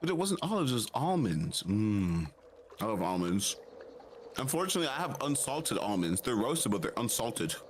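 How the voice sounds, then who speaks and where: A man in casual stream chat, his pitch swinging widely as he teases his friend with joking threats. A faint hiss sits beneath his voice. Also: sing-song, normal speed. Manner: playful teasing, mock threats.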